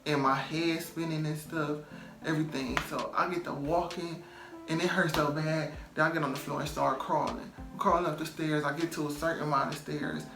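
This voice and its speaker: A man recounts his own story in a relaxed, rambling vlog manner, leaning on fillers and repeating words to drive a point home. His voice sits a little high for a man. The room echoes around him, with faint music underneath. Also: a little fast, vocal fry. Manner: loose, chatty, many "um" and "like" fillers; emphatic, repeats phrases for stress. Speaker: storytime vlogger. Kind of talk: casual storytelling. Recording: roomy echo, faint music behind.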